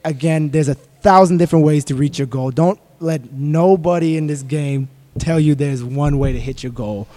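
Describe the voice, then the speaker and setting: Man, podcast guest, relaxed slangy talk, higher pitch, mellow tone. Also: normal speed. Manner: easygoing, laid-back slang. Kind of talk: casual podcast chat.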